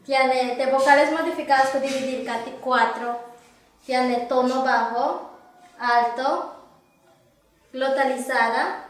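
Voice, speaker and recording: Slow-spoken young woman, high voice. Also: fairly even intonation. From Yucatán, Mexico. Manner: reads out letter lists slowly. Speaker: language teacher. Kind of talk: teaching lesson. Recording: echoey room, far from mic.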